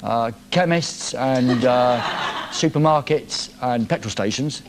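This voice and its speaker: A man's voice: medium pitch, slow, noisy background. A man hosting a live television music show from a studio, reading viewer messages in a jokey, teasing, playful way.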